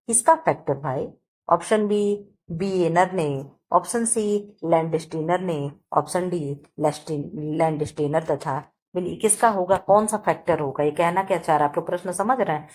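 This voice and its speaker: A woman teacher reading multiple-choice exam questions aloud and answering them, checking in often with her students. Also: fairly low pitch. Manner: reads options slowly, repeats "ठीक है" often. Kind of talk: exam-prep lesson reading quiz questions. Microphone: phone recording, voice-over of book photos.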